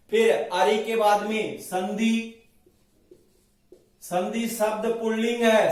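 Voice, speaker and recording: A man teaching Sanskrit grammar, slowly drilling and reciting word forms for his students. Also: high-pitched. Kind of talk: classroom lecture with recitation. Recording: very echoey room, voice from a distance.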